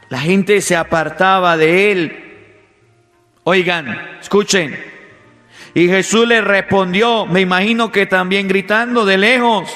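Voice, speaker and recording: High-voiced priest preaching slowly. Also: male voice, fairly bright tone, big-room sound. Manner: emphatic, repetitive, fatherly address to listeners. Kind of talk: daily Gospel sermon.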